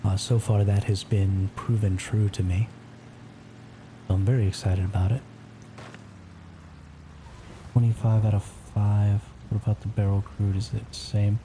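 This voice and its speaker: A man whispering quietly as he chats casually on a live gameplay stream. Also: fairly low pitch, little pitch movement, normal speed, background noise.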